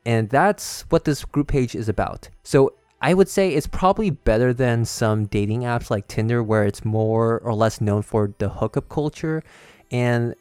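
A man's voice: mid-range voice, clean tone, no room sound. A man hosting a casual solo podcast, telling personal stories in a chatty, confiding way. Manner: calm, unhurried at first, growing more animated. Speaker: host of a series.

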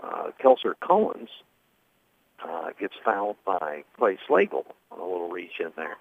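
A man doing radio play-by-play of a basketball game, calling plays fast and reading sponsor spots. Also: deep voice, wildly swooping pitch, gravelly, dry recording. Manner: rapid calls with read sponsor spots. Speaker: play-by-play announcer. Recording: tinny phone-like radio broadcast.

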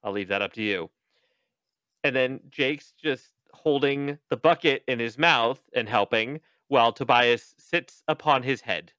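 A man hosting a podcast, casually recapping a book in an animated, joking way, cursing freely and acting out quoted lines. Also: mid-range voice, unhurried, clear, resonant tone, no room sound, studio quality. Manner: animated, profane, joking, with exaggerated quoted voices. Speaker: podcast host.

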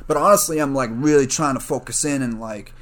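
A man's voice: medium pitch, a little fast, fairly bright tone. A man, a college student, telling a story in a casual, rambling, profane way, full of "like" and "you know". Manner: rambling, profane, self-correcting; frequent fillers like "like" and "you know".

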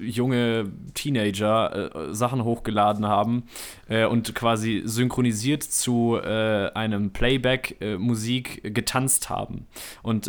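A man's voice: lowish voice, smooth. Young guy on a podcast, um-ing and uh-ing a lot, easygoing chat. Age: young adult. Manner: hesitant, full of filler sounds. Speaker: podcast co-host.

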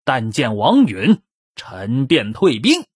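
A storyteller voicing a blustering, self-justifying rebel general who speaks in measured, formal phrases. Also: male voice, medium pitch, huge pitch swings, breathy edge, no echo, studio quality, exaggerated voice. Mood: pleading.

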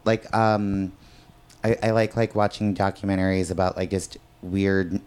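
A man's voice: low-pitched, monotone, unhurried, darkish tone, smooth. A man in a casual comedic podcast chat, speaking hesitantly with many "like" and "uh" fillers.

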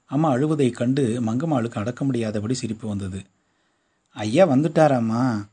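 A man reads a short story aloud, keeping a steady storytelling pace. His voice is dark and mellow with a husky grain. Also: mid-range voice, a little fast. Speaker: narrator.

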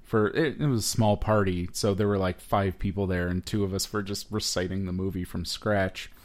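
Man, podcast co-host, low voice, hesitant, joking, casual chat. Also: steady tone, normal speed.

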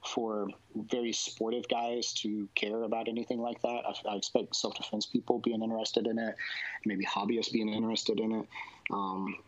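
A man talking casually in a relaxed conversation, rambling with lots of fillers and frequent laughs. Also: lowish voice, no room sound. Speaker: jiu-jitsu instructor guest. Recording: dull, dry lo-fi sound.

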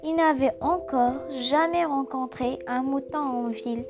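A storyteller gently reading a children's story aloud, over background music. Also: high voice, measured pace. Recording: music bed behind voice.

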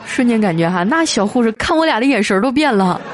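A woman's voice: a little high, lively intonation, fast talker, a crowd in the background, noisy background. A woman hosting a show, reading listener jokes aloud in a playful, chatty way and laughing at the punchlines. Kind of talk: casual joke reading. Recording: music playing faintly under the voice.

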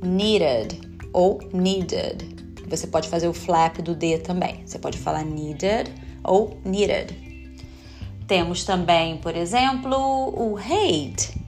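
Woman teacher, Portuguese native, low-pitched, patient, step-by-step delivery, faint music under her. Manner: patient, explains step by step with tag questions; demonstrates sounds slowly and carefully. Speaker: English teacher. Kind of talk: video lesson explaining pronunciation.

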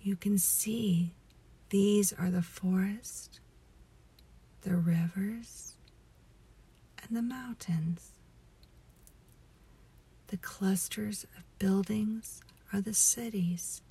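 A woman leading a guided relaxation meditation as a story, in a soothing, hushed, breathy voice that often nears a whisper. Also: medium pitch, fairly even intonation. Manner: slow, soothing, hushed delivery.

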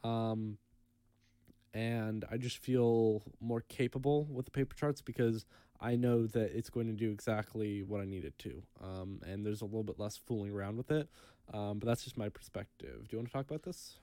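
A young man co-hosting a casual podcast, talking in a relaxed way with many ums and reading news items aloud. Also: on the low side, moderate pace, smooth, dry recording. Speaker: podcast co-host.

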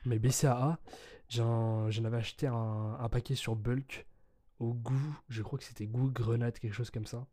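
A young man with a mellow, soft-edged tone talks casually as a podcast co-host. He explains things in an informal way, correcting his words as he goes, in a close, dry recording. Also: mid-range voice, steady tone, normal speed, no echo. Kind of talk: casual chat.

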